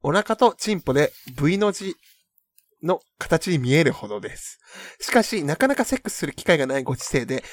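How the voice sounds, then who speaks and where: A man's voice: on the high side, big pitch swings, brisk, dry recording. A man playing a polite, haughty rich schoolgirl, hosting radio comedy and reading listener mail with genteel, affected speech. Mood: polite, excited. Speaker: comedy radio show host.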